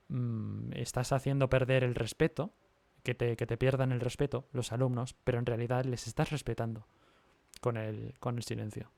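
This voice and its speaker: Calm male teacher, dry sound. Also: medium pitch, no echo. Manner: calm, reasoned explaining with animated quoted voices. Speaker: primary school teacher. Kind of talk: livestream conversation.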